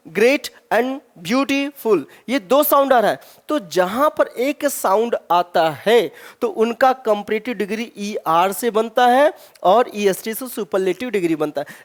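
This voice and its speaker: Man teaching grammar, stressing each example. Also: sits high. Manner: rhetorical questions, slow stressed example words. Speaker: English teacher. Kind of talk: exam-prep grammar lesson.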